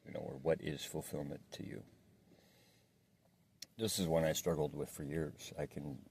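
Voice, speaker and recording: A man speaking without his teeth, slightly slurred, in a reflective, halting, rambling confessional monologue as a vlogger in addiction recovery. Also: fairly even intonation, darkish tone, a little hiss or hum. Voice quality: toothless, slightly slurred speech from not wearing his teeth; very deep, gravelly, husky. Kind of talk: casual confessional monologue to camera.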